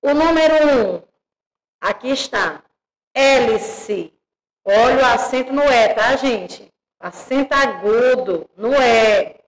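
A Brazilian woman teaching young children, spelling out syllables slowly and checking in with the class. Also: a little high, expressive, poor audio. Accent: Brazilian Portuguese. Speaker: primary school teacher.

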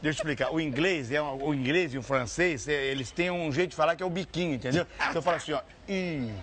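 A man with a high, quick voice plays a mock teacher in a hidden-camera prank. He coaxes and teases his target with mock patience and rattles through his lines at speed. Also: a bit bright, slight background noise. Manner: teasing, coaxing and mock-patient.

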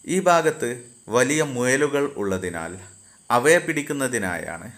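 A man narrating a travel video voice-over in an even, informative guide tone. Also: mid-range voice, unhurried.

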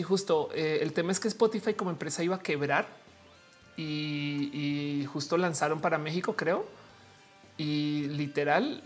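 Woman, live-stream host, casual chatter, reads the chat, laughs a lot, somewhat low voice. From Colombia. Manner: chatty and slangy, laughing often. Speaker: livestream host.

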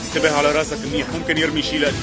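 A man's voice: fairly high pitch, flat delivery, rapid-fire, lightly acted. A dubbing actor playing an anxious man, coaxing and pleading with a troubled relative. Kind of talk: dubbed TV drama acting. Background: music.

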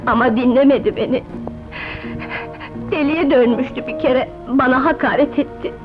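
A woman's voice: sits high, normal speed, natural voice. An actress playing a despairing young woman, thrown out by her husband, speaking in a hopeless, tearful way in 1970s dubbed-film style. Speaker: film character. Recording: dull old film soundtrack with music.

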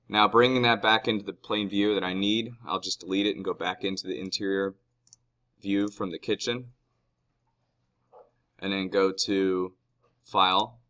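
Bright-voiced man giving a software tutorial. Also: on the low side. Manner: calm step-by-step explaining. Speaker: teacher. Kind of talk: screen-recorded software tutorial.

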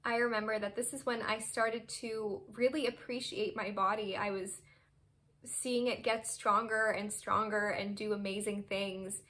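A woman in her twenties chatting to the camera in a casual vlog from her bedroom, expressive and gesturing as she talks. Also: medium pitch, measured pace. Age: 20s. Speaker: vlogger. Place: bedroom, seated on a bed indoors.

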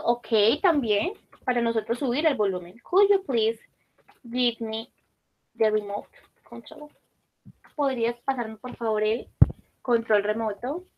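A woman's voice: fairly high pitch, highs cut off. A woman teacher leading a class, patiently repeating and praising student answers.

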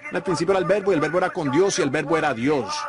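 A man's voice: a little high, racing, a crowd in the background. A man reading a sermon as a dubbed voice-over, with an emphatic preaching cadence and frequent asides to the listeners. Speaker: Spanish voice-over reader of a sermon.

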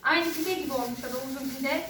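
Loud booming woman in echoey room. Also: quick pace, background noise. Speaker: home vlogger. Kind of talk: casual chat to followers. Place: at home. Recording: echoey room, distant mic.

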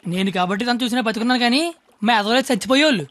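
An actor playing a cheeky, streetwise young man who talks quickly in a film scene. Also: very high-pitched, fairly bright tone. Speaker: rowdy young man who failed school. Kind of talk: film dialogue. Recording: film audio with music behind.

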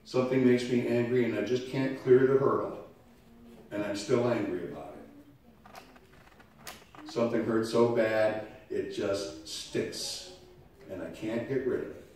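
Pastor with a head cold, echoey distant church. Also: male voice, steady tone, a little slow, long pauses, slight background noise. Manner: conversational, swings from loud emphatic to quiet and low. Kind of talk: sermon. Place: church sanctuary.

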